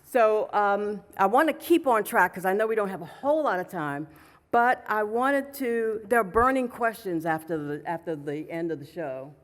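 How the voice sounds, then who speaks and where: A woman's voice: medium pitch, lively intonation, moderate pace, a little hiss or hum. Chatty woman moderating in an echoey hall. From New York. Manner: chatty and loose, with frequent fillers. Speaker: panel moderator. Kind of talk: casual panel moderation. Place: convention panel hall.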